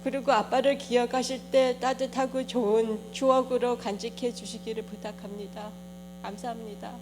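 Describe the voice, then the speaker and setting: Higher-voiced woman over a clear hum. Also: fairly even intonation, normal speed. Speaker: younger daughter giving family thanks. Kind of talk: short, polite thank-you speech.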